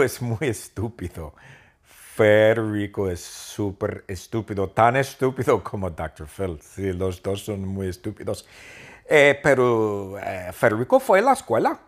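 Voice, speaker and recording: A man telling a silly story slowly in simple sentences, playfully repeating each line. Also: lowish voice.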